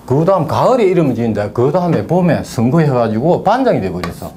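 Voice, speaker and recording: A man's voice: mid-range voice, big pitch swings, fast talker, noisy background. A middle-aged man with a Gyeongsang Korean accent, telling stories from his work as a naming consultant in casual talk. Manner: storytelling with rambling asides.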